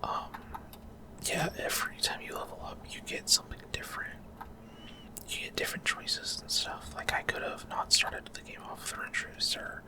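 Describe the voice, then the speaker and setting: At a moderate pace, a male ASMR gaming host murmurs his entire commentary in a breathy whisper near the microphone. He rambles in a relaxed way, frequently unsure of details as he works out each explanation.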